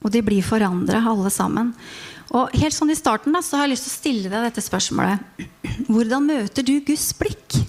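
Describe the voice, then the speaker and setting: Woman preaching, high bright voice. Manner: expressive storytelling, then calm reflective preaching. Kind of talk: sermon with first-person dramatization.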